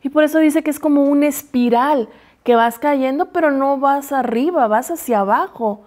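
This woman in her forties, a university health sciences teacher from Chiapas, Mexico, speaks with a Mexican accent in a high, darkish voice at a moderate pace. She talks animatedly on a Bible study panel, picked up by a TV studio lapel mic.

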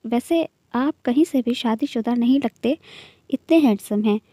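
A playful young woman in a novel reading , as a female reader voices her, mocking and teasing. The voice is mellow and somewhat high. The recording is dry and close. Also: normal speed, dry recording, lightly acted.

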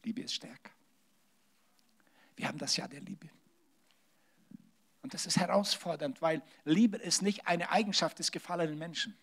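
Male preacher, high voice, animated sermon that drops to near-whispers. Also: normal speed, gravelly, slightly rough. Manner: animated preaching with large swings in loudness, drops to hushed tones. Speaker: pastor.

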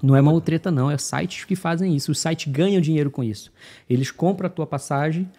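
A man's voice: a little high, fast talker. Brazilian man telling a travel tale. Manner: animated, acts out dialogue with voices. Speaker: guest telling travel story. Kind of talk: casual storytelling.

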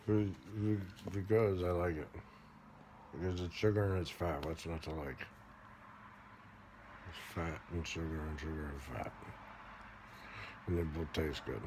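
A man in his forties with an American Midwestern accent, rambling half asleep in a drowsy, halting, mumbled drawl with casual swearing. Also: low voice, steady tone. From Michigan, United States. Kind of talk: sleep talking, rambling monologue. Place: indoors, lying on a bed or couch. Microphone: phone held close by another person. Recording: noisy handheld phone recording.

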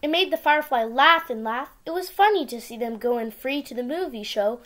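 Woman, high-pitched, lively intonation, expressive picture-book reading to little kids, small room. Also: brisk. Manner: simple, expressive storytelling. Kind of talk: reading a picture book aloud to young children. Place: small indoor room with bookshelves.

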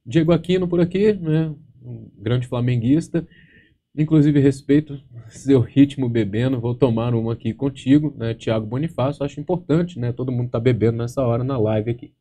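A male exam-prep teacher with a Brazilian Portuguese accent, chatting live from a green-screen studio. His voice is very dark and mellow at a middling pitch. He swears and jokes casually, tagging nearly every phrase with a quick check word. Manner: profane, joking storyteller, constant tag words.

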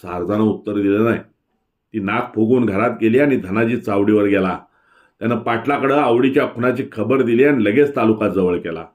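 Male reader, low voice, dramatic novel narration with emphatic pauses. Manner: expressive storytelling, slow emphatic pauses.

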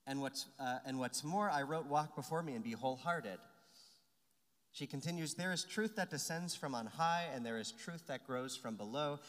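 A man's voice: medium pitch, normal speed. A middle-aged man, a rabbi, giving a sermon from a lectern microphone, explaining texts and often checking in with "right?". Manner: explains texts aloud, often asks "right?", some restarts. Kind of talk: sermon teaching from a text. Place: large synagogue sanctuary. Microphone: lectern microphone, filmed by a far camera. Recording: long hall reverb from a large sanctuary.

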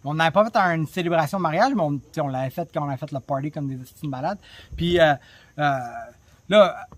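A Québécois man with a somewhat high, husky voice tells a story from his own life as a travel podcast host. He talks casually and bluntly and swears freely. He is recorded on a phone. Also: brisk, dry recording. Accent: Québécois French.

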